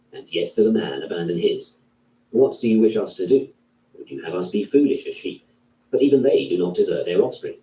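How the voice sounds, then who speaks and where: A man's voice: deep voice, mellow. Man reading solemnly in a roomy space. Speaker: narrator. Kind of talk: reading a classic philosophy text aloud. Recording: roomy, distant from the mic.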